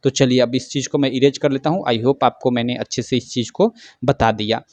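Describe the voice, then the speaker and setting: A man's voice: medium pitch, fairly even intonation, a little fast, darkish tone, dry recording. A man teaching a science lesson at a whiteboard. He explains step by step and keeps asking and answering his own questions. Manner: frequent fillers like "theek hai".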